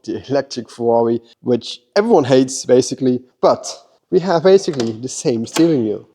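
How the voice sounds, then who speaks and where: Male workshop host, relaxed dark voice, keen and chatty on camera. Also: medium pitch. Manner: enthusiastic, repeats "beautiful" and "amazing". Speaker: car detailing workshop host. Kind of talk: casual walkthrough vlog. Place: car workshop.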